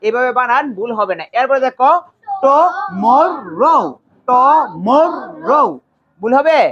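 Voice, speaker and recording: A woman teacher with a slightly high voice explains a lesson patiently, spelling each word out letter by letter and stretching it out slowly. The sound is dull and lo-fi, like a cheap recording. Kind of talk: classroom lesson.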